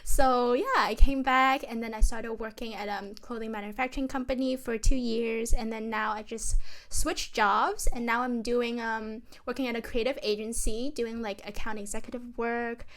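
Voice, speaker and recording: An upbeat woman in her twenties from Hong Kong talks through her story on a casual podcast. She laughs easily, and her voice sits slightly high. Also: steady tone, moderate pace, hardly any pauses, a bit bright. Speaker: podcast co-host. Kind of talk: casual chat.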